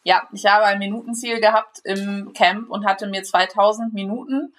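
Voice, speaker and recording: A woman's voice: medium pitch, steady tone, normal speed, a bit bright, slight background noise. Chatty woman author with restarts. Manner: chatty, many restarts and laughs, swears casually. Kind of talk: casual podcast chat.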